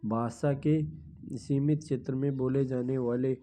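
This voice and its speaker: A male teacher walks through a grammar lesson at an unhurried pace. His voice is very dark and mellow, and he hums between points and keeps checking in with the class. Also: medium pitch, steady tone. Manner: unhurried, counts items aloud, frequent hums and "theek hai". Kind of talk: slow classroom explanation of grammar.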